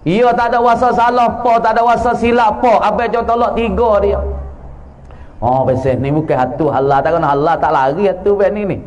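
A man's voice: high-pitched, fairly quick, darkish tone, poor audio. A man from southern Thailand with a Patani Malay accent, preaching a mosque sermon as a religious teacher, telling stories and acting out quoted voices in a teasing way.

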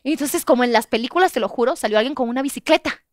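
A woman on a chat show telling a personal story with lots of energy, acting out what people said with loud bursts and laughter. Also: sits high, rapid-fire. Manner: expressive storyteller, acts out quotes with loud outbursts and laughs. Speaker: guest host telling a story. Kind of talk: animated anecdote on a chat show.

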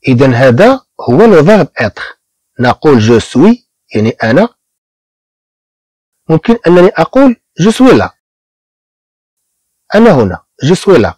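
A man from Morocco who teaches beginners French. He repeats each word slowly and explains it in Moroccan-accented Arabic. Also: fairly high pitch, darkish tone, no room sound, rough recording. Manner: slow repetition of words, explaining in Arabic.

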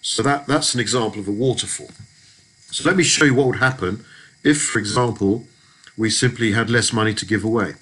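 A man's voice: lowish voice, brisk, fairly bright tone, breathy edge, poor audio. A man giving a methodical, step-by-step lesson as a voice-over on a screen recording, with some restarts. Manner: methodical, explanatory, frequent restarts. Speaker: lecturer. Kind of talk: screen-recorded spreadsheet walkthrough.

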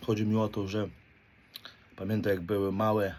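A man's voice: on the low side, steady tone, measured pace, gravelly, darkish tone. A man in his thirties from Poland, talking bluntly in street slang and swearing constantly, often ending his points with a questioning "right?". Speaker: motivational speaker. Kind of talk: blunt confessional monologue.

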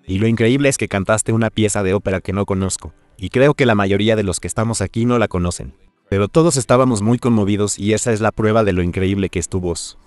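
A man speaking as a talent show judge, offering measured, complimentary feedback. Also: on the low side, a little mellow. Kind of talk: dubbed television talk.

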